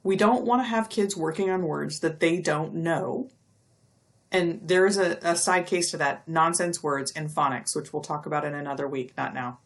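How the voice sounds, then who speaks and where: A middle-aged woman giving a recorded lecture, explaining step by step and stretching out speech sounds slowly to demonstrate them. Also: deep voice. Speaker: university lecturer.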